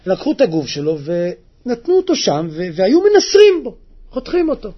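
A man delivers a sermon, dramatically telling a story and acting out the quoted lines with rising pitch and cries. His pitch swoops wildly and has a breathy edge, and the recording sounds lo-fi.

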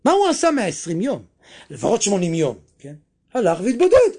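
A male preacher delivering an impassioned sermon, his voice gravelly and husky. His pitch swings widely as he repeats phrases for emphasis and bursts into exclamations. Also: huge pitch swings, warm tone.

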